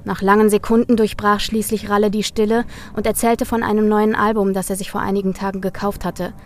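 A woman reading a suspenseful story aloud in a measured, scripted narration. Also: medium pitch, little pitch movement, slight background noise.

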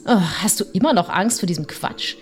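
A man's voice: sits high, animated, fairly quick, faint music behind. A woman voicing a teasing, easygoing young adult brother who keeps joking and holding back laughter. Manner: cheeky, joking, half-suppressing laughter. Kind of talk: read-aloud horror story dialogue.

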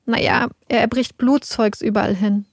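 A woman's voice: on the high side, steady tone, normal speed, creaky, dry recording, studio quality. A woman voicing a panicked young woman who pleads and frets on an emergency call, frantic and breathless. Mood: anxious.

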